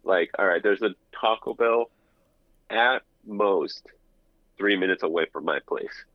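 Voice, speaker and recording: Co-host calling in over the phone: a man with a very low voice, heard dry and lo-fi, rambling and casual. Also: a little slow, no echo. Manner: rambling storyteller who restarts words. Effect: phone call played back through the studio. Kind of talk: casual podcast chat. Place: his apartment. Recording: dull lo-fi phone line.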